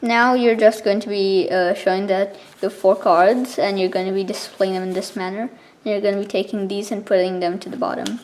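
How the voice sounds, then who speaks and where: A woman explaining something step by step in a casual, informal tutorial style, with halting pauses between steps. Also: medium pitch, steady tone, a little mellow, a little hiss or hum. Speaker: card trick tutorial presenter.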